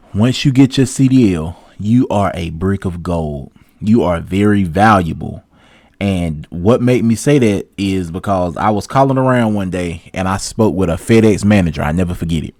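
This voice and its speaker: A young man, a truck driver giving relaxed, chatty career advice to viewers. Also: low voice, no room sound. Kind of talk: casual advice vlog with read-out tips.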